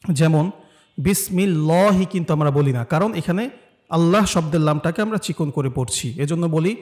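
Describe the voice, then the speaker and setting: A man's voice: fairly high pitch, darkish tone. Patient Bangladeshi man teaching recitation. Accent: Bangladeshi Bengali. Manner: explains rules patiently, then drawls words slowly for students to repeat. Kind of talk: step-by-step recitation lesson.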